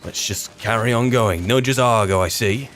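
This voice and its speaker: A British gamer narrates his fantasy-game roleplay in character, casually and wryly talking to himself. His lowish voice is fairly bright and moves at a normal speed. Game music sits behind it, along with a little hiss or hum.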